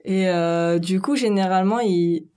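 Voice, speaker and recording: Slightly slow and low-pitched, her voice is warm and smooth as this young woman from France chats casually as an interviewee. Her speech is loose and slangy, full of fillers.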